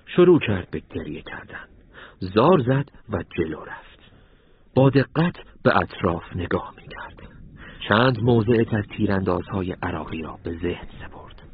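A man narrating a story in a measured, dramatic way. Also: sits low, breathy edge, narrow, tinny audio.

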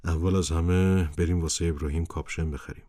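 A man voicing a gentle, humble mother in a storybook, speaking in a coaxing way. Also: low voice, steady tone, dry recording, clean studio sound, natural voice.

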